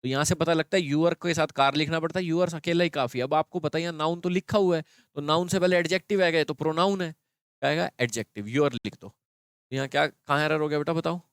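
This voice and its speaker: A man teaches an English grammar class. His voice sits a little high and comes across smooth and clear. He is recorded close up in a dry room, and he explains each point patiently and keeps quizzing his students. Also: fast talker, no echo.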